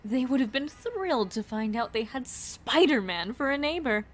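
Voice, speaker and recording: A woman's voice: sits high, expressive, normal speed. A woman voicing a seductive, willful and playful masked cat burglar with a sultry, theatrical delivery in a comic dub. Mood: seductive, coaxing.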